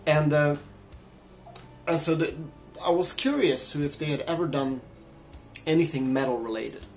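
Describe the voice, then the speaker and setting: A man's voice: a little high, lively intonation, moderate pace, darkish tone, soft background music. Chatty man, reflective. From Sweden. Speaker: vlogger and guitarist. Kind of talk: casual personal storytelling.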